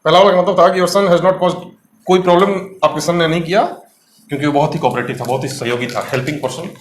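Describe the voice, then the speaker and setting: A man's voice: on the high side, fast, slight background noise. Man teaching grammar in an echoey room. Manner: explains step by step, quizzing the viewer. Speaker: English teacher. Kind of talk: exam-prep grammar lecture.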